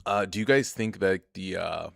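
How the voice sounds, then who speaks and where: This young gaming streamer has a low, creaky, fairly bright voice and a moderate pace. He chats to viewers about himself, rambling, cursing, and often laughing, in clean studio sound without any room noise.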